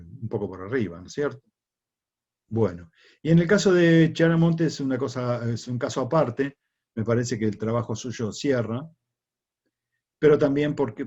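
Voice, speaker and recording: In a muffled recording, a man with an Argentine Spanish accent and a mid-range, slightly mellow voice teaches a history class. He lectures conversationally and frequently checks in with rhetorical questions.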